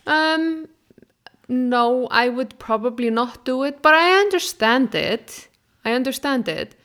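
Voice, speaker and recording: Slow-talking woman. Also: high voice, animated, a bit bright. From Iceland. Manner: blunt, opinionated, unhurried. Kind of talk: casual chat.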